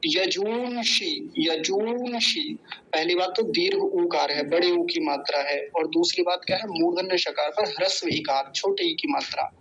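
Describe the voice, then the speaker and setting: A man's voice: on the high side, moderate pace, few pauses, a bit bright, muffled recording, a little hiss or hum. A man teaching a patient online class, drawing out words to show how they are pronounced, heard over a video call. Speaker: Sanskrit teacher.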